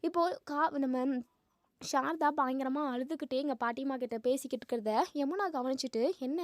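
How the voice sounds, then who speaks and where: Woman narrator, high voice, dry close sound; recaps drama plot in a chatty, filler-heavy storytelling way. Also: steady tone, normal speed, dry recording. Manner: chatty retelling with frequent fillers and restarts. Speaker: serial episode reviewer. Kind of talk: casual spoken storytelling recap.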